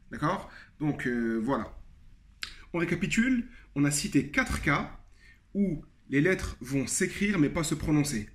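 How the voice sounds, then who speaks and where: A man with a fairly high voice teaches a lesson, walking through each point step by step. He slows down to repeat example words carefully and fills the pauses with hesitations. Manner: explains step by step, repeats example words slowly, frequent fillers. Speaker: Arabic teacher. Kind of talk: video lesson.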